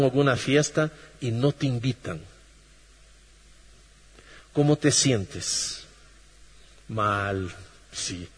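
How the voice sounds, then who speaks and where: A man preaching a sermon slowly, with long pauses, sinking low and soft and then lifting his voice. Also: slightly rough. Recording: long reverb of a hall.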